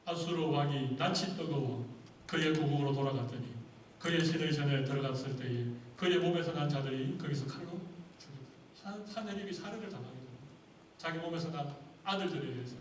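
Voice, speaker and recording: A male pastor preaches to his congregation with a fairly high voice, often stopping to put rhetorical questions to them. He is recorded from some distance in a very echoey church hall, with a faint hiss of room noise behind him. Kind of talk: sermon. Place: church sanctuary. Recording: echoey hall, far from the mic.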